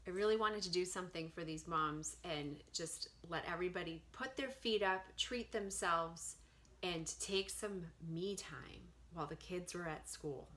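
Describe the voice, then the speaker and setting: A woman in her thirties who works from home, chatting to camera in an animated, storytelling way. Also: fairly low pitch, unhurried. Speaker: direct sales consultant. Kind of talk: casual talk to camera.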